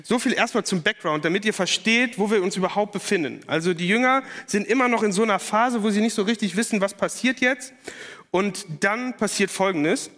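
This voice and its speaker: A man giving a casual, lively youth sermon and using slang. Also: sits high, fairly quick. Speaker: youth pastor. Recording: long hall reverb.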